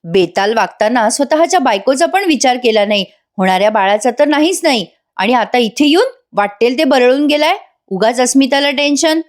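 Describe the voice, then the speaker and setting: A woman's voice: high voice, animated, normal speed, few pauses, pitched above the performer's own voice. Woman reading a scolding elderly matriarch. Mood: angry.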